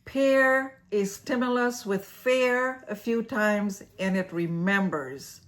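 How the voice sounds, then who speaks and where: A woman's voice: mid-range voice, slow, fairly bright tone. A woman hosting an educational series, narrating a scripted explainer in a playful, theatrical way and laughing at her own jokes.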